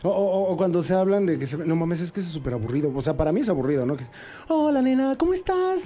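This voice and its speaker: A man co-hosting a podcast, full of slang and crude jokes. His voice is high-pitched but soft and mellow. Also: very fast. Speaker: podcast co-host. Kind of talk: casual podcast banter.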